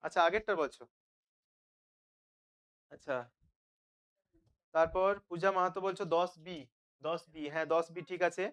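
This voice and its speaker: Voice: medium pitch, fairly even intonation, a little slow, pauses often, fairly bright tone. A teacher leading an online revision class, asking questions and then answering them, checking again and again that students follow.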